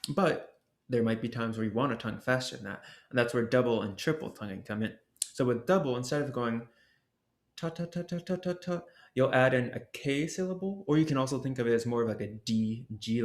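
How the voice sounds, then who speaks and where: A man presenting an ocarina workshop, explaining technique in a relaxed way and sounding out the syllables as he goes. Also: mid-range voice. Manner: casual, explains with demonstration syllables and fillers. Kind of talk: instructional explanation. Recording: roomy echo.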